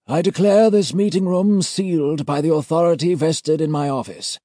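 A man voicing a kindly-looking older male senior auditor who is formal, courteous and quietly menacing. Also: fairly high pitch, moderate pace, dry recording, studio quality, voice pushed up, close to an everyday voice. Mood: politely menacing.

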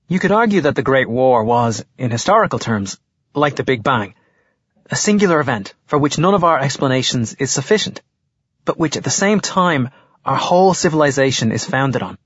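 An actor playing an earnest history teacher who lectures in a measured, explanatory way. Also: male voice, mid-range voice, animated, fairly bright tone, breathy edge, dry recording, muffled recording. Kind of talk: audiobook character voice.

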